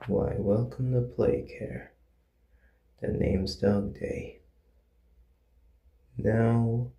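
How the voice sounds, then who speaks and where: A man plays a kindly cartoon dog mascot with a very dark, mellow, heavily gravelled voice. He speaks soothingly and encouragingly, like a patient guide welcoming a newcomer. The sound is roomy and echoing. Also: fairly low pitch, full character voice. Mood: gentle, welcoming. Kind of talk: character voice lines.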